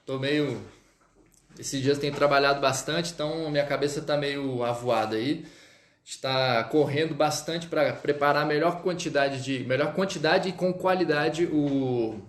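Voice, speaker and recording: A man's voice: on the high side, a little slow. A Brazilian man teaching French in a casual live stream, chatting with viewers and checking in often as he goes. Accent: Brazilian Portuguese. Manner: chatty, reads out viewer comments, frequent "tá?" check-ins. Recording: echoey room.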